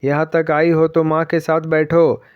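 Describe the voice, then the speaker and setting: Gentle dutiful young husband, read by a man, calm, persuading, clear voice, dry sound. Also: a little high, a little slow, no echo, lo-fi sound, natural voice.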